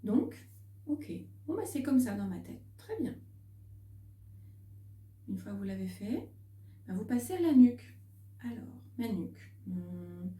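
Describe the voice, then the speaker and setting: A woman wellness coach guiding a body scan in a relaxed way, thinking aloud as she demonstrates on herself. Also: on the high side, a little slow, long pauses. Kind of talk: guided relaxation lesson. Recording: echoey room, voice a bit distant.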